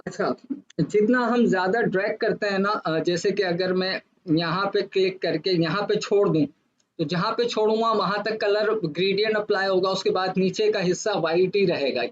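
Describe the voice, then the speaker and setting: A man teaching a software design class step by step, asking himself questions and then answering them. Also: high-pitched, highs cut off. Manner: explains step by step with rhetorical questions; says he talks fast to fast-forward. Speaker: design instructor. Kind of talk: screen-recorded software lesson.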